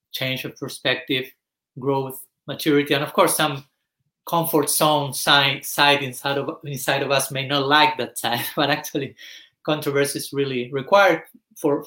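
A man in his forties from Argentina, guesting as a monk on a reflective podcast interview, has a medium-pitched voice that sounds pushed and bright. The room is echoey, and he comes across as thoughtful and explanatory, searching for words.

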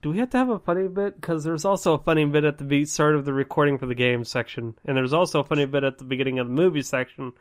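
A young man co-hosting a casual podcast, asking quick questions and laughing along. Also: on the high side, faint music behind. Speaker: podcast co-host. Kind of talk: casual chat.

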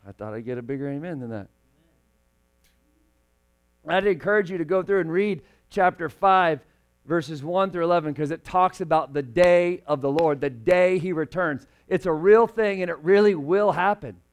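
Higher-voiced man preaching a casual sermon. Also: clear, resonant tone. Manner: casual, joking asides, swells louder and slower when reading scripture. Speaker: pastor. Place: church sanctuary.

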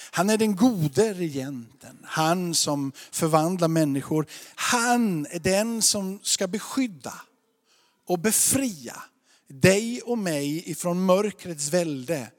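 A man preaching a sermon in an earnest, repetitive style, building emphasis through his lines. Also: fairly high pitch. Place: church. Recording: long church reverb.

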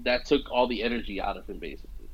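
A man's voice: on the low side, fast, slightly rough, rough recording. Casual, filler-heavy man retelling a movie. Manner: animated storytelling with many fillers and "you know what I mean". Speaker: movie fan recapping a film. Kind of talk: casual chat.

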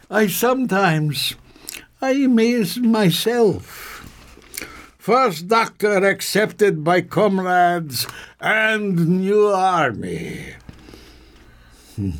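A man's voice: high-pitched, very animated, vocal fry, a bit bright, full character voice. A man playing a boastful older Russian army surgeon in a put-on Russian accent, in an acting class scene. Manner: slow, drawn-out, self-satisfied.

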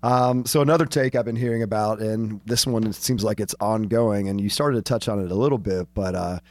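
A man with a very low voice, a little under the weather, asks easygoing questions about the game. The sound is dry and close, with no room echo. He comes across as the host steering a casual sports chat. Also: brisk, darkish tone. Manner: questioning, laid-back. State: sick.

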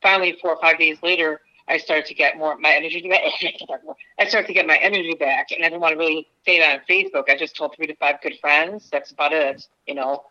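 On speakerphone through a phone line, a stand-up comedian guesting on a podcast chats casually, rambling with plenty of fillers and restarts in a relaxed phone interview. Her deep voice is steady, a little fast, pushed and bright, with few pauses, all in lo-fi phone audio.

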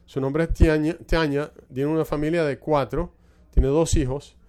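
A man's voice: fairly high pitch, fairly even intonation, a little slow, darkish tone, clean tone. A male pastor preaching a sermon, telling a church story with frequent restarts and repeated words.

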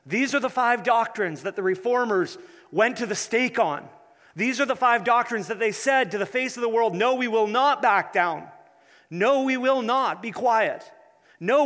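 A man's voice: sits high, sharp tone. A man preaching a sermon as a rally speech, emphatic and declamatory, hammering repeated phrases. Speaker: pastor preaching. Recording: long hall reverb.

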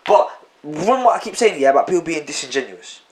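A man talking fast and insistently in a casual chat, tagging his lines with "yeah". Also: fairly high pitch, big pitch swings. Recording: roomy echo.

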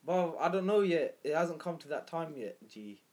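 A man's voice: fairly high pitch, lively intonation, normal speed, a little mellow. A young man with a London street accent, chatting and bantering in roadman-style slang as a podcast co-host. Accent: London multicultural street slang. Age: young adult. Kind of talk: casual banter between friends.

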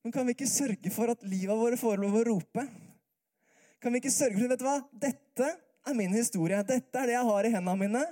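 A man preaching a sermon in a calm, conversational way, often putting rhetorical questions to the congregation. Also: very high-pitched.

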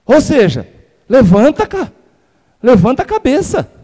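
A man's voice: extremely high pitch, wildly swooping pitch, a little slow, dark tone. A male pastor with a Brazilian Portuguese accent, preaching a sermon emphatically, firing rhetorical questions and calling for amens. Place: church sanctuary. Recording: reverberant church hall.

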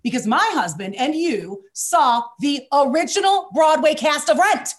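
A woman's voice: high voice, animated, a little slow. A woman in her forties with a Michigan accent, chatting casually and candidly as an interview guest, with wry, self-deprecating humor. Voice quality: loud. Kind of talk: casual chat.

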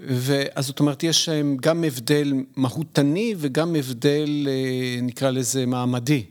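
Middle-aged guy on a podcast, mid pitch, slow careful lecturing, stops to hunt for words. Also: fairly even intonation. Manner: measured, lecturing, pauses to search for words. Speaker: podcast guest. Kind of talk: reflective conversational explanation.

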